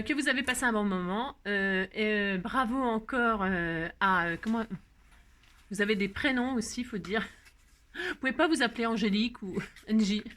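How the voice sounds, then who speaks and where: A woman's voice: medium pitch, fairly bright tone. A middle-aged woman hosting a casual craft tutorial, chatty and rambling with lots of fillers and repeated words. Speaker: craft video host.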